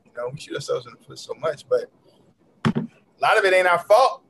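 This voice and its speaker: A man's voice: on the high side, expressive, brisk, gravelly, noisy background. A man, a defense lawyer, talking about his clients in a casual chat and often repeating his words as he explains.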